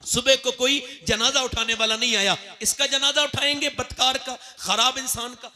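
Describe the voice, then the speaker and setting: A male preacher delivers an emotional sermon to a gathering, his voice pitched high and bright. He talks with passion, and his appeals swell into pleading cries. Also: steady tone, normal speed. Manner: impassioned, rising to pleading cries. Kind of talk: emotional Urdu-Hindi sermon. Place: religious gathering.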